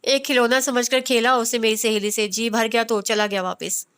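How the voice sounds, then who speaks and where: Lady doing a shy hurt village girl, soft and halting, clear higher voice. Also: level tone, natural voice. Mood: sad.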